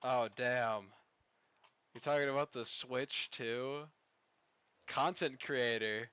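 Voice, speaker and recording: A man live-streaming a game, talking to his chat in a rambling, profane, excitable way. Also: mid-range voice, slow pace, clean tone, dry recording, muffled recording.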